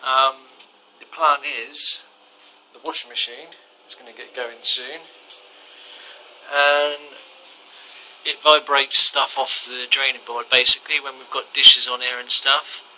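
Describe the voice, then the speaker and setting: A man's voice: mid-range voice, takes it slowly, poor audio. A man casually explaining a hobby project in informal, colloquial speech, filming on a handheld device in a kitchen. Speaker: hobbyist demonstrating a homemade project. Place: small domestic kitchen, indoors. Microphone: handheld phone or camera behind the lens. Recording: steady machine hum behind the voice.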